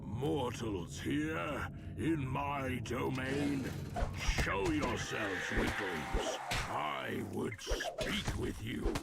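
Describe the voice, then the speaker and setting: An actor voicing a huge, menacing male demon guardian in a video game, his voice booming and magically amplified, gravelly and drawn out. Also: animated, extremely slow, exaggerated voice. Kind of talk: video game character dialogue. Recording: game audio under loud ambient noise.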